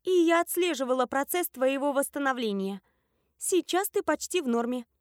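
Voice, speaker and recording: Bossy little sorceress, high and curt, voiced by a woman reader, dry booth sound. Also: lively intonation, moderate pace, dry recording. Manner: blunt, scolding, matter-of-fact. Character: small bossy sharp-tongued young sorceress.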